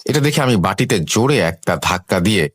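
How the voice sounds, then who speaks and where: A man narrating a first-person horror story in an expressive, suspenseful way. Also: fairly low pitch, a little fast, slightly rough, dry recording, clean studio sound.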